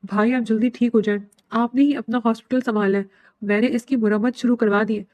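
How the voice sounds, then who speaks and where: A woman's voice: fairly high pitch, steady tone, a little mellow, no echo, lightly acted. A woman voicing a young man who grieves for his injured brother and turns harsh and bitter. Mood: grieving.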